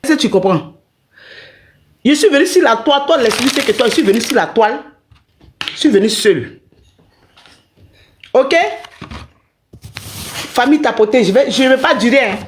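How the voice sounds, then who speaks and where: Fired-up woman with a high voice ranting on a live stream, calls out a rival, keeps asking viewers to tap. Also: expressive, normal speed, pauses often, a little hiss or hum. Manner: angry, talking straight to viewers and a rival. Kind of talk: heated live-stream rant.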